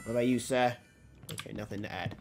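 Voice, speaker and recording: Male game streamer, mid-pitched, casual and musing, occasional swearing, faint music behind. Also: steady tone, quick pace, a little mellow. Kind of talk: casual gameplay commentary.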